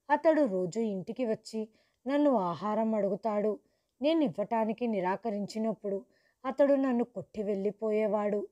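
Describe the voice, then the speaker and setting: A woman telling a first-person story in a steady, earnest narrating voice. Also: mid-range voice.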